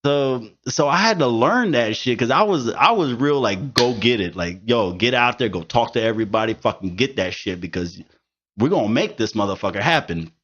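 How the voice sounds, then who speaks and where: A man's voice: mid-range voice, expressive, moderate pace, fairly bright tone, a little hiss or hum. A man in his thirties hosting a podcast, telling stories in casual, profane, emphatic chat. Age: 30s. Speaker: podcast host. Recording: dull lo-fi studio recording.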